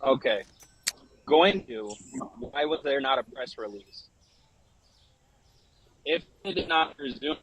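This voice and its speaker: A man's voice: mid-range voice, animated, slow, pauses often, a bit bright, dull audio, slight background noise. A man calling in from a car, debating politely but pushily while his call audio glitches and cuts out. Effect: glitching call audio cutting out. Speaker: caller in a debate. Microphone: phone on an online call.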